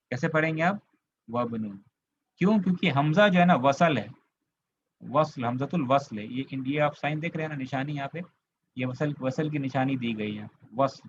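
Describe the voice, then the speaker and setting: A man from India with an Indian accent, teaching an Arabic grammar lesson, patiently repeating points and checking that students follow. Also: a little high. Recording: slightly dull lo-fi audio with faint hiss.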